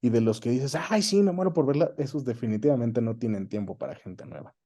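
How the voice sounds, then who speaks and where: Speaking a little fast, this mid-pitched, very mellow man with a Mexican accent is a dubbing director being interviewed as a guest. His explanations are colloquial and full of examples, and he frequently adds tag questions during the conversational interview.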